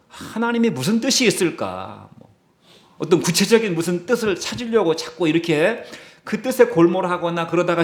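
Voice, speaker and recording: A male pastor preaching a sermon with emphatic rises and sudden quiet drops. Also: sits high, reverberant. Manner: emphatic preaching, rising and dropping for effect. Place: church sanctuary.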